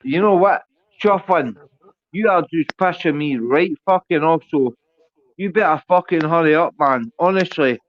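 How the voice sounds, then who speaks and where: A high-voiced man with a rough-and-ready Glasgow street accent argues on a livestream panel. He is confrontational and swears constantly. The sound is a dull, lo-fi voice call. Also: moderate pace, dry recording. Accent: Glasgow Scottish. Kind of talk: heated livestream argument. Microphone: online panel call.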